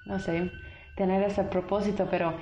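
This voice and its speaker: Young woman, from the US, relaxed chatty guest, roomy echo, faint background noise. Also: medium pitch, normal speed. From United States. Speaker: interview guest. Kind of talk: casual interview conversation. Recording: echoey room, slightly dull sound.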